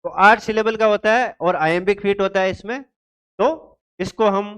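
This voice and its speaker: A man's voice: sits high, a little slow, a bit bright, clear, resonant tone. A man teaching an exam-prep literature lesson, who asks his students questions and then answers them himself, repeating the key terms.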